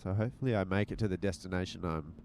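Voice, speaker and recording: A man races through a rambling monologue in his car, hosting his podcast and teasing in a mock-stern way. His voice is low-pitched and a little mellow, and slight background noise comes through his handheld mic with headphones.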